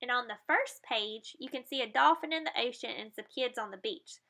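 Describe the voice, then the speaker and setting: Woman reading a kids picture book out loud, explains the pictures, bright kinda high voice. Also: brisk. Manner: explains the pictures, adds playful sound effects. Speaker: reader of a children's picture book.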